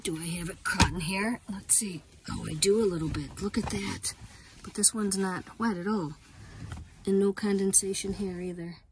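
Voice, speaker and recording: Middle-aged woman talking to her phone in a parked van, chatty and upbeat, heater humming loud behind her. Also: medium pitch, moderate pace. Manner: chatty, upbeat, thinking aloud while showing things. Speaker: van camping vlogger. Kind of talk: casual vlog chat. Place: inside a parked minivan, heater running. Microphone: phone camera held or mounted close. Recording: steady heater noise behind.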